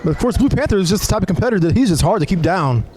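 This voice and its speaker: A man's voice: sits high, very animated, racing, darkish tone. A man commentating live on lucha libre wrestling as an announcer, in a conversational, hesitant way with admiring exclamations. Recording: live event recording with crowd noise. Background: wrestling crowd.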